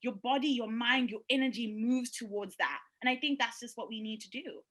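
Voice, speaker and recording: A young woman co-hosting a podcast over a video call, talking in an animated, emphatic way and laughing easily. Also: fairly high pitch, brisk, poor audio. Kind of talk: casual panel chat.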